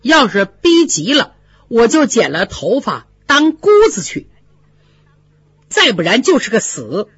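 A storyteller putting on a proud young maidservant, indignant and sharp-tongued, with a voice that leaps high and drops low. The sound is slightly husky and dry, on a dull, lo-fi recording. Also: very animated, measured pace, dry recording, exaggerated voice. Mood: defiant.

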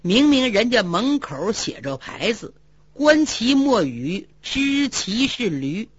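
A woman voicing a calm, authoritative male leader who reproves his companion in a measured way in a traditional storytelling performance. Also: on the high side, husky, no room sound, muffled recording, exaggerated voice. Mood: reproving.

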